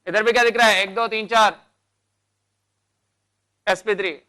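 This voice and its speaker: A man's voice: high-pitched, fairly even intonation, unhurried, sharp tone, smooth. A man teaching a chemistry lecture, explaining step by step and answering his own questions as he goes, with terms. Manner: calls students beta and bhai. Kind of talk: classroom lecture.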